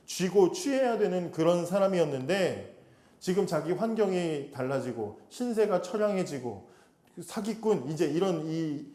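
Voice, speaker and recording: Animated Korean pastor preaching in an echoey hall. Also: male voice, a little high. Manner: animated, acts out biblical quotes, addresses the congregation directly. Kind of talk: sermon.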